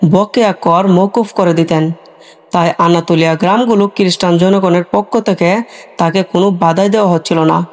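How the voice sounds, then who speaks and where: A man giving scripted history narration as a storyteller, in a steady storytelling delivery. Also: high voice.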